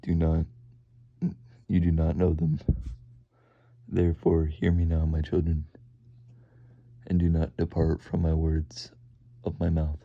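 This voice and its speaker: A man reads scripture in a very low, completely flat voice with a creaky, gravelly edge. He goes slowly and haltingly, deadpan throughout. The recording is dry and somewhat dull. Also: no room sound. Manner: deadpan, halting with stumbles over words. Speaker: reader. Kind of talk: monotone scripture reading.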